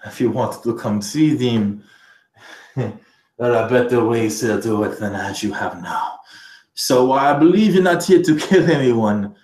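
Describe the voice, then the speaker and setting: A man's voice: mid-range voice, animated, measured pace, a little mellow, roomy sound, close to an everyday voice, low-quality recording. A man voicing an anxious, scheming male court vizier who pleads and stammers. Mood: wary.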